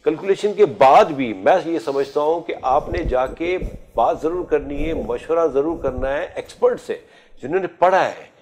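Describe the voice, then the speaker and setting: A man's voice: on the high side, animated, moderate pace, a little mellow, slight background noise. Chatty man in his fifties hosting. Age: 50s. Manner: chatty, jokey, mixes English phrases into questions. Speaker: talk show host. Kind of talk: studio health talk show.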